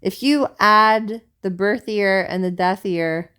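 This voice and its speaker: A woman from South America, co-hosting a podcast, speaks slowly at a medium pitch with a clear, resonant, slightly bright tone. Her casual conversation is earnest, rambling, and musing.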